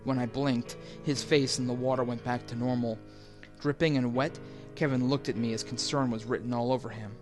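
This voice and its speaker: A man narrating a first-person horror story in a steady, somber reading, over faint music. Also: medium pitch, brisk. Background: faint background music.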